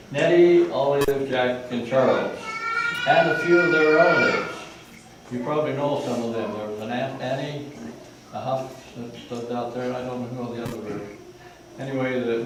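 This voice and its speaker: Rambling through a casual account of family history, an older man with a mid-range voice keeps adding asides and starting over. The recording is distant and echoey, with noise in the background.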